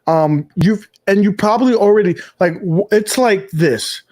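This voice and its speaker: A man hosting a gaming podcast in casual chat, rambling and animated, with casual swearing. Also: high voice, measured pace. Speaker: podcast host.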